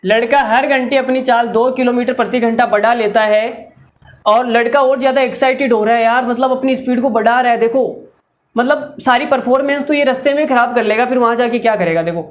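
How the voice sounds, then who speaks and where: A man's voice: very high-pitched, steady tone, fairly quick. A man teaching a maths problem, who explains it through jokes and directly addresses his students. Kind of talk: comic storytelling lesson.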